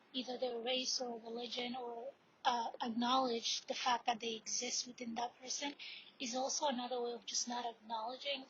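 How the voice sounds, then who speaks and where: A young woman in her twenties, acting as a student mentor, speaks earnestly in a podcast discussion. Her voice is high and a bit bright, and the lo-fi audio is dull with faint noise.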